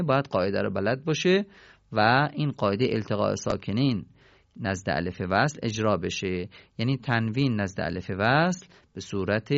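A man teaches Quran recitation in a patient, step-by-step way, slowing down to chant each verse. His voice has a gravelly edge. The recording is dull and lo-fi, with a dry sound and no room echo. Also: on the low side. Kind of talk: recorded tajwid lesson.

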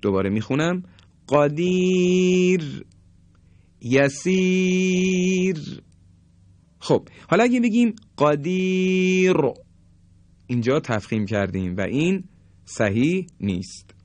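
A man's voice: mid-range voice, sing-song, darkish tone, no room sound. Man teaching Quran recitation rules. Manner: slow drawn-out demonstration of words. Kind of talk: tajweed lesson, explaining and demonstrating.

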